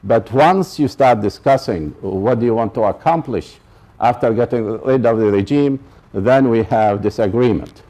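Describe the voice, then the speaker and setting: The voice is a man's, mid-range and dark, moving at an ordinary speed. He's an Iraqi professor delivering a public lecture at a college, repeating and underlining his points while checking in on the audience's understanding.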